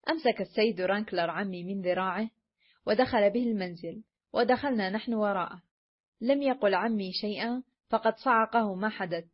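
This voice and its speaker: A woman narrates a storybook in a measured, even voice. Her pitch sits in the middle. The sound is dull and lo-fi. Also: slightly rough. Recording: dull lo-fi recording.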